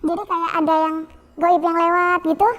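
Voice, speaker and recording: Young woman with a very high voice. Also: little pitch movement, a bit bright. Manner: halting, repetitive, with many fillers. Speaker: guest telling her story. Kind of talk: personal testimony.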